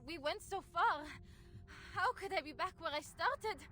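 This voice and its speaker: A woman's voice: extremely high pitch, lively intonation, a little slow, sharp tone, heavily acted. A woman voicing an earnest young heroine in a game, resolute and accusing. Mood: bewildered. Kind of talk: game voice acting.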